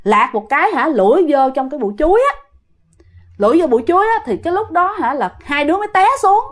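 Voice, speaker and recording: A woman's voice: sits high, sing-song, quick pace. A young woman casually retelling a listener's ghost story, chatty, slipping into the voices of the people in it.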